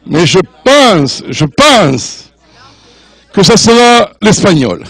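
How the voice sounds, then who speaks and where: Older man, high-pitched, a guest preacher joking with his church; dry, close recording. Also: sing-song, slow pace, a bit bright, husky, dry recording. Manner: jovial, joking with the congregation; mixes French, English and Spanish. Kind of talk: sermon.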